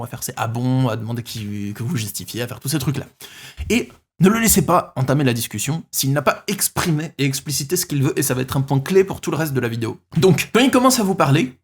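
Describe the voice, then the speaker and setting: A man speaking as a life coach, giving advice straight to his viewers, emphatic and repeating his key points. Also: on the high side. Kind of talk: advice monologue to camera.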